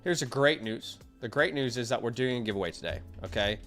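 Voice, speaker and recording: A man's voice: medium pitch, fairly quick, fairly bright tone, soft background music. A man hosting a casual fantasy football livestream, talking upbeat and straight to his chat through a headset mic. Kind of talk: casual live-stream chat.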